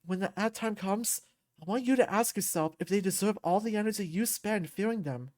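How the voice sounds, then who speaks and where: Soft-spoken male therapist, voiced by a woman, gentle, slow, soothing. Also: mid-range voice, lively intonation, lightly acted.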